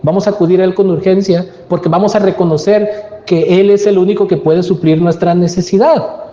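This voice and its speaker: A man's voice: high voice, fairly even intonation, brisk, mellow, roomy sound, in a large hall, lo-fi sound. A man preaching a sermon as pastor, emphatic and full of rhetorical questions. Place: church.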